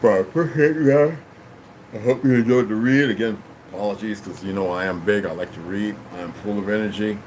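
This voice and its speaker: Poor audio captures a man with a fairly low voice talking fairly quickly as he hosts a livestream from home. He rambles in a casual way, thanks donors, and keeps saying "you know what I mean," against a steady air-conditioner hum.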